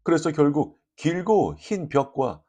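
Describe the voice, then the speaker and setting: A man reading a short story aloud as an audiobook narrator, lively and expressive, voicing the dialogue. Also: fairly high pitch, measured pace, husky.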